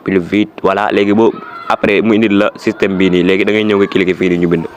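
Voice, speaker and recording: This informal app tutorial comes from a man with a Senegalese accent who goes step by step, says instructions more than once, and uses some French words. He speaks at a quick pace in a low-pitched, level tone, and the audio lacks highs and carries a little hiss or hum.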